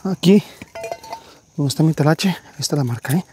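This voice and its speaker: A young man narrating his treasure hunt outdoors, eagerly talking to his viewers as friends, with a husky voice. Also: fairly high pitch, normal speed, dark tone, slight background noise. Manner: enthusiastic, addresses viewers as friends. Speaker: treasure-hunting vlogger. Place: wooded hillside outdoors. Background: crickets and insects.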